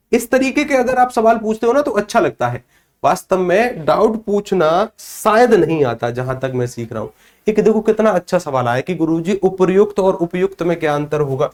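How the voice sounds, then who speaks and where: A man with a somewhat high voice teaches a spoken grammar lesson. He keeps asking the class a question and then answering it himself. When he shows pronunciation, he sounds out the letters one by one, slowly. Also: darkish tone. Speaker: Hindi teacher.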